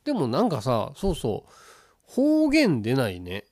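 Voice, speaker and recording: A man's voice: mid-range voice, a little slow. A man from Osaka with a Kansai accent, hosting a casual late-night style chat and telling stories with lots of laughter. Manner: animated storytelling, laughs often. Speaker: radio-style podcast host.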